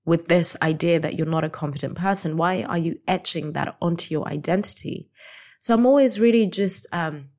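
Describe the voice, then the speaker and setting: A woman coaches listeners on her casual solo podcast, asking them reflective questions. Her voice is deep, a little mellow, and slightly raspy.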